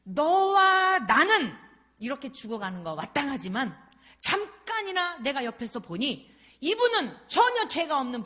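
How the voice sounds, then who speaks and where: A woman preacher voicing a repentant male thief on a cross, pleading tearfully in his defense of another. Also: a little high.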